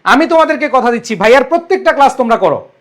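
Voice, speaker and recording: A man's voice: extremely high pitch, very animated, very fast. A young man teaching an online exam-prep English lesson, coaxing and repeating rules for his students. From Bangladesh.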